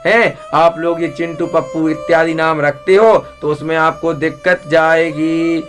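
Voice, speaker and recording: A man's voice: on the high side, level tone, a little slow, faint music behind. A man telling a comic devotional story, chanting and addressing his listeners as brothers. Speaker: religious storyteller.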